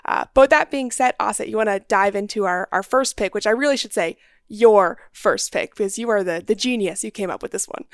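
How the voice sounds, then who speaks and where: Woman podcast co-host, hoarse and raspy today, casual and self-deprecating, dry close mic. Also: mid-range voice, brisk, no echo. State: raspy sore throat. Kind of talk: casual investing chat.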